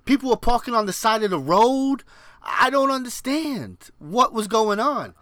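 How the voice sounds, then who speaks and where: Bright-voiced man with a Queens accent. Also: very high voice, sing-song, measured pace, no echo, clean studio sound. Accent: Queens New York. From Queens, New York. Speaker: podcast co-host. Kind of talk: casual chat, animated storytelling.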